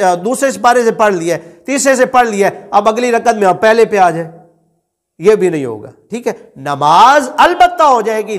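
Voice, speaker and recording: In a large hall, a male religious teacher with a high voice delivers a lecture. Patient in manner, he repeats and explains his points, asking the listeners questions and answering them himself.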